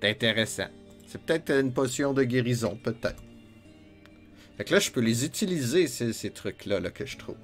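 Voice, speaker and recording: A man with a Quebec French accent narrates his game session in a loose, joking way, chatting aloud to himself as he plays. His voice sits at an ordinary middle pitch. Soft music plays faintly behind him. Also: animated, moderate pace. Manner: joking, chatty, talks to himself while playing. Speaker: gamer. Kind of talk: let's play commentary.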